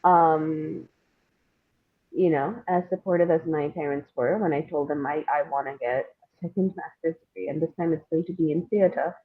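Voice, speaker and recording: Speaking at a moderate pace in a low, fairly even voice, an Indian playwright and screenwriter reflects on her work as an interview guest. The sound is phone quality, and she comes across as thoughtful and hesitant, often joking at her own expense.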